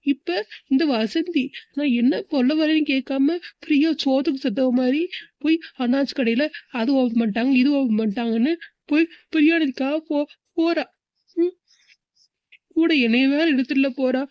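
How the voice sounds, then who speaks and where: Brief: woman playing a petulant, grumbling wife, slightly high voice, dry muffled recording. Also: no echo, natural voice. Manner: complaining, petulant village talk. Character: grown woman, sulky and hungry on her birthday. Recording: dull, muffled close recording.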